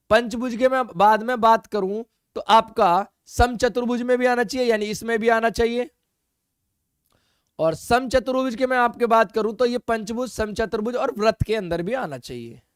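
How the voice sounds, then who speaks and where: A man teaching reasoning in an exam-prep video lesson, brisk and coaxing, repeating key phrases. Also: high voice, clean tone, dry recording, studio quality.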